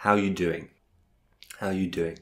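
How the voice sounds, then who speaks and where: A man with a very low voice teaches an informal English lesson in careful French, his English accent plain under it. He talks slowly and hesitantly, with many fillers and restarts. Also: steady tone, fairly bright tone. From England. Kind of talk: video language lesson.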